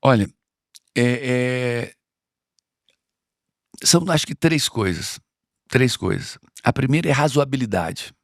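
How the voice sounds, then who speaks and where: A middle-aged man from Brazil talks in an interview with a gravelly edge to his voice. He is earnest and circles back on his key phrases to drive them home. The recording is dry and close. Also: mid-range voice, expressive, slow pace, long pauses, dry recording. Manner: earnest, repeats phrases for emphasis. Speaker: interview guest. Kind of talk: conversational interview.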